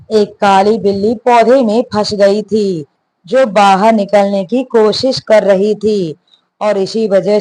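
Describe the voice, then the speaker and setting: A woman narrating a romance story in a measured, even reading. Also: medium pitch, rough recording.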